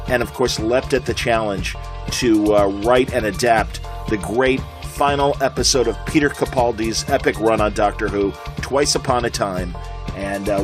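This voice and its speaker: A middle-aged American man hosts a podcast, chatting conversationally. His voice is husky and sits in the mid-range.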